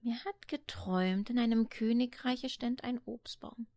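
A woman voicing a hushed, kindly old grandmother. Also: a little high, natural voice. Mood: soothing. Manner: hushed, slow and soothing, at times whispered. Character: soft-spoken old grandmother, kindly and soothing.

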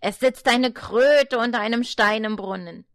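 A woman voicing a short-tempered male devil in a read-aloud fairy tale, speaking loudly and snappishly. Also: a little high, a little slow, no room sound, clean studio sound. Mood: gruff. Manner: loud, forceful and snappish.

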